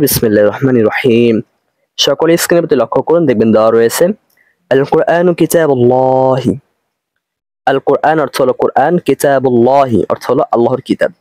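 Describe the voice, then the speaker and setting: A man with a Bangladeshi Bengali accent teaching an online Arabic grammar lesson, patient and repetitive, slowing down for each Arabic phrase. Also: on the high side, darkish tone, no room sound.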